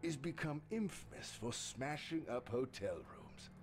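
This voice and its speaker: A sly, theatrical video game devil acted by a man pitches his deals like a mocking salesman. His voice swings dramatically up and down, with loud music playing behind it. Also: lively intonation, a little slow, close to an everyday voice. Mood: smooth, persuasive. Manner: grandiose, mocking, salesman-like patter. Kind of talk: video game character acting.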